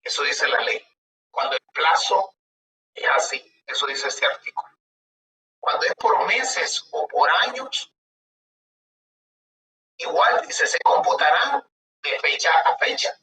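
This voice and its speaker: A man's voice: on the high side, big pitch swings, takes it slowly, pauses often. A man lecturing on law, reading legal articles aloud and explaining them in a conversational way, often asking rhetorical questions. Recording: roomy, distant mic with background noise.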